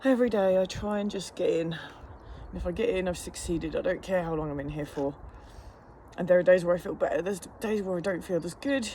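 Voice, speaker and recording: A fitness instructor films himself in an outdoors ice bath, chatting casually and self-deprecatingly to the camera with matter-of-fact rambling as the icy water stresses his body. He has a high voice with a dark tone and a brisk pace. Slight background noise can be heard.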